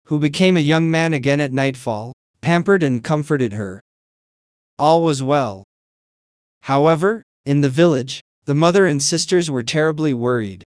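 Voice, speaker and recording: A man narrating a fairy tale in a calm, measured storyteller's voice. His pitch sits a little high for a man. The sound is dry and close. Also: smooth, no room sound.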